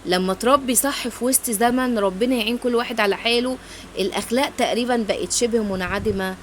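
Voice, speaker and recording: A woman's voice: fairly high pitch, fast talker, a little hiss or hum. A middle-aged woman with an Egyptian Arabic accent hosts a cooking video, talking through a recipe in a casual, affectionate way. She pours out blessings and oaths to her viewers. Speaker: cooking channel host.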